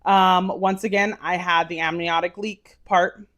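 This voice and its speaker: A woman in her thirties telling a personal story in a casual, animated way, laughing often. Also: on the low side, unhurried, highs cut off. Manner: animated, laughing, acts out quoted voices. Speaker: podcast guest.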